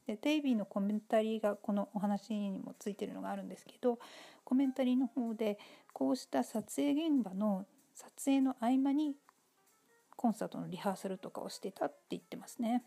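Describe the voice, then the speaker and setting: A woman giving relaxed, casual spoken commentary on a TV episode, polite and chatty with many fillers. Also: a little high, fairly quick, creaky, soft background music.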